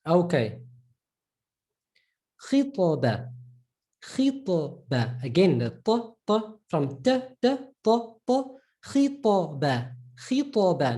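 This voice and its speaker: A woman's voice: on the low side, dark tone. A woman teaching a live online pronunciation lesson, patiently drilling each sound by repeating it again and again. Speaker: Arabic teacher.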